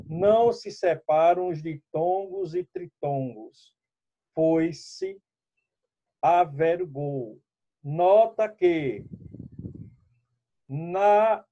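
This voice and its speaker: Man, teacher, explanatory lesson, slightly high voice, dull lo-fi recording. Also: dark tone. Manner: explanatory, addresses students directly. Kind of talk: classroom lesson.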